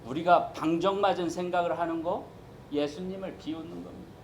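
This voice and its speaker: A man's voice: high voice, steady tone, fairly quick, creaky, a little hiss or hum, low-quality recording. A man preaching a sermon as pastor, emphatic and acting out the voices he quotes.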